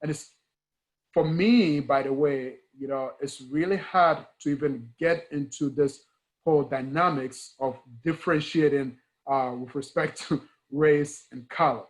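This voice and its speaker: Speaking with a Ghanaian accent, a fairly high-pitched man from Ghana talks unhurriedly as a guest in a conversational interview. He's an engineering educator with an emphatic, earnest style full of repeated key words and rhetorical questions. The audio quality is low.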